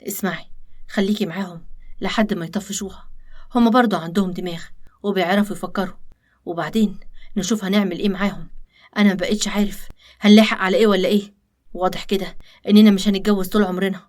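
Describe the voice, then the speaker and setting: A woman with an Egyptian accent voicing a cautious young man who reassures his partner, in an animated story. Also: medium pitch, quick pace, long pauses, close to an everyday voice. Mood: calming. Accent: Egyptian Arabic. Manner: reassuring, practical.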